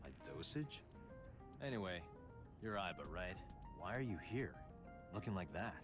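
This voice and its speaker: An actor playing a dry, skeptical, easily flustered detective in a video game, with a gruff, exasperated manner. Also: male voice, deep voice, big pitch swings, moderate pace. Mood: baffled, exasperated. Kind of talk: English video game voice acting. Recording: music behind the voice.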